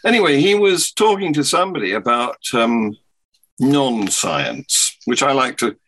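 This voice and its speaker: Lively, bright-voiced man. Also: mid-range voice. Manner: halting, thoughtful, laughs often. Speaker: guest. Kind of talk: casual podcast chat.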